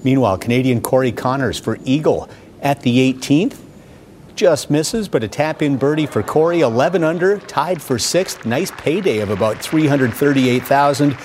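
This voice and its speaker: A man delivers sports highlights in the manner of a golf commentator. His pitch sits in the middle range, and he describes play in short present-tense phrases. Some background noise sits under the voice. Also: animated, moderate pace, a little mellow. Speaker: sports anchor.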